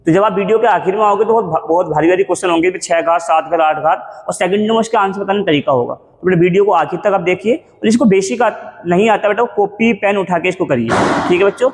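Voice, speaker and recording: A man's voice: high-pitched, fast, few pauses, in a large hall. A man teaching a maths lesson in Hindi, calling viewers children and asking questions he answers himself. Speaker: math teacher. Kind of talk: classroom-style maths lesson.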